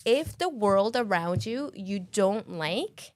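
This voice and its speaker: A woman's voice: medium pitch, slow, dry recording. A young woman from Ecuador co-hosting a podcast, chatting casually and telling stories with lots of laughter. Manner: animated, laughs often, storytelling. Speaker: podcast co-host.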